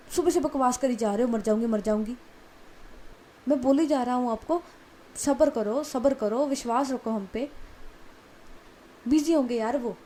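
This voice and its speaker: A woman's voice: a little high, dark tone, slight background noise, lightly acted. A woman voicing a young man who reassures and scolds an anxious elder sister.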